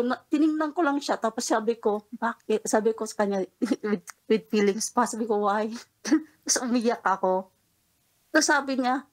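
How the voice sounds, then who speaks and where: A woman's voice: fairly high pitch, low-quality recording. Woman caller spilling a confession. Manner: rambling, retells dialogue, nervous laughs. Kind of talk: confessional storytelling on a call-in radio show.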